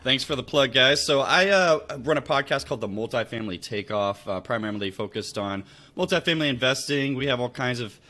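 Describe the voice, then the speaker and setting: This American podcast guest, a real estate investor from Louisville, Kentucky, tells stories in a casual, conversational way. His medium-pitched voice is animated, brisk, bright and forceful.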